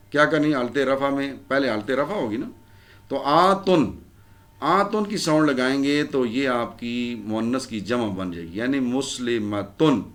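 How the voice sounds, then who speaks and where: Man, grammar teacher, recorded lesson, mid pitch, repeats endings, answers own questions. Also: fairly bright tone. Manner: repetitive drilling of word endings, asks and answers own questions.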